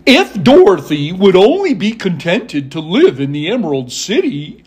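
A man voicing a thoughtful, self-satisfied scarecrow ruler in a storybook, speaking deliberately. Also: sits high, huge pitch swings, a little mellow, breathy edge, heavily acted. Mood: pondering. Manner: slow, deliberate.

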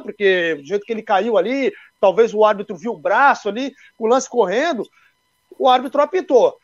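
A male football commentator with a strikingly high voice argues casually, explaining by playing out imagined exchanges. The audio is dry and a little dull. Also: no room sound. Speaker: sports commentator.

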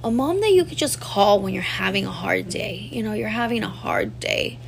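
A woman's voice: mid-range voice, sing-song, moderate pace, vocal fry, a little hiss or hum. A woman in her thirties telling a personal story to camera, candid and rambling, full of "like" fillers and talking straight to her viewers. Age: 30s. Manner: addresses viewers directly. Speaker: vlogger.

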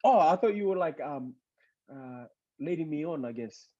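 A young man from Fiji talks in a relaxed, rambling way, full of fillers and trailing phrases. His voice sits a little high but sounds soft and mellow. The call audio comes through dull and lo-fi. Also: normal speed. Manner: laid-back, rambling with many fillers. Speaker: podcast guest. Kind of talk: casual chat.

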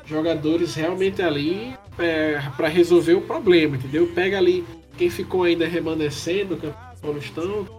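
A man's voice: on the high side, moderate pace, hardly any pauses, a little mellow, soft background music. A man with a Brazilian accent hosting a casual football chat in colloquial speech. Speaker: football podcast host.

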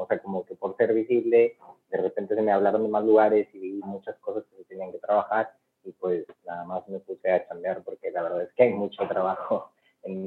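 A man's voice: lowish voice, phone-quality sound. A man from Monterrey, Mexico, with a northern Mexican accent, answering as a guest activist, friendly and thoughtful. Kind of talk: interview answers.

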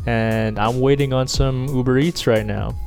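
A man's voice: medium pitch, fairly even intonation, normal speed, creaky, darkish tone, soft background music. A young man with a nasal voice, talking casually and a little hesitantly in a recorded message to listeners. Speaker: podcast co-host.

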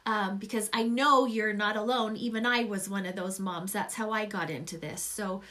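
A middle-aged woman hosting a conversational faith-based interview, encouraging and effusive, rambling gently as she goes. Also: mid-range voice, fairly even intonation, moderate pace. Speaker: podcast host and program coach.

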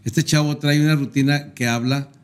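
A man's voice: a little high, steady tone, normal speed, clean tone. A middle-aged man with a northern Mexican accent hosting a podcast, telling stories in a crude, joking, slangy way. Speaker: podcast host. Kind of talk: casual chat.

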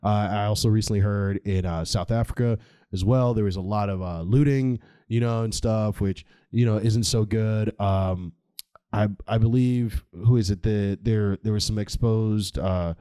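A man's voice: on the low side, fairly even intonation, moderate pace, mellow, clean tone, no echo. A man hosting a podcast, delivering a casual, comedic monologue in a rambling, slangy, sweary way. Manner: informal, slangy, heavy swearing. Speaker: podcast host.

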